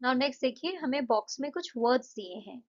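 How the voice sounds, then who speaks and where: A woman teacher explaining textbook answers, reading English questions slowly and explaining them in Hindi mixed with English. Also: sits high, lively intonation. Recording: dull lo-fi recording.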